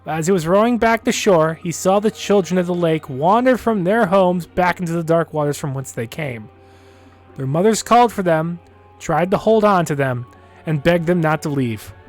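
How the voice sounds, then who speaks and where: A chatty man streaming a game, who stops to read in-game texts aloud. His voice sits a little high. Faint music plays behind him. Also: lively intonation, moderate pace. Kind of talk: casual gameplay commentary and reading aloud.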